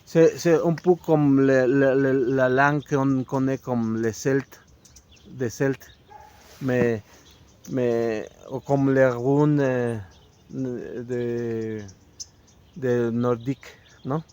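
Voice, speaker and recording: A man with a Mexican Spanish accent, a native Spanish speaker, talks slowly and unscripted to camera in French. His voice sits at an ordinary middle pitch, and he halts again and again to find his words, restarting half-built phrases. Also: fairly even intonation, darkish tone, clear, resonant tone. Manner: halting, searching for French words with many restarts. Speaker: video host presenting a book. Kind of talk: unscripted casual talk to camera.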